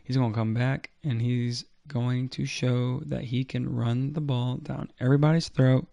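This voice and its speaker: A man gives casual, slangy fantasy football commentary on his own podcast. His voice is mellow and creaky, recorded close and dry. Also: mid-range voice, flat delivery, measured pace, no room sound. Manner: informal, slangy. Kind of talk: casual solo sports commentary.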